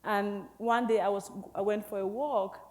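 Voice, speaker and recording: A woman in her early forties from Cameroon, an author speaking thoughtfully on stage, often pausing with "you know". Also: medium pitch, steady tone. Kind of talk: onstage conversation. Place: public library event hall.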